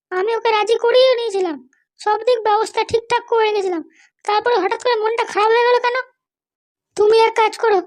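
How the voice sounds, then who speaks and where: In this cartoon dialogue, the character is an anxious, bossy, doting mother of an adult son. The woman voicing her speaks in a very high-pitched, slightly mellow tone, fretful and insistent as she nags.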